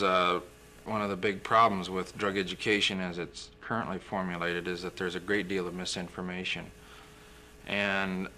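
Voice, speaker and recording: A young man, a physician guest in a TV studio interview, explaining in a measured way and clearing his throat now and then. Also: deep voice, bright, forceful tone, slight background noise. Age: young adult. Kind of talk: interview answers.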